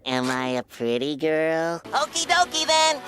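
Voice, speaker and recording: An eager, childlike sea sponge talks in a very high, squeaky cartoon voice. He speaks slowly and gives each word its weight, with faint music in the background. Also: huge pitch swings, sharp tone, exaggerated voice. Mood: cheerful. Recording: cartoon clip with music behind.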